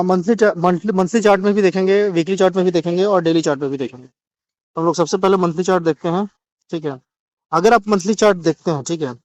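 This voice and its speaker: A man's voice: high voice, no room sound, muffled recording. A man teaching market chart analysis in Hindi, often asking "ठीक है" as he explains. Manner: repeats "ठीक है" to check understanding.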